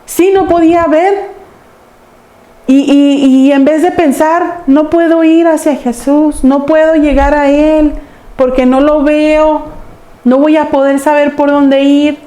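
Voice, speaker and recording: A woman's voice: high-pitched, steady tone, slow pace, mellow, echoey room. A woman preaching a sermon, telling the story earnestly and addressing the congregation. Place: church sanctuary.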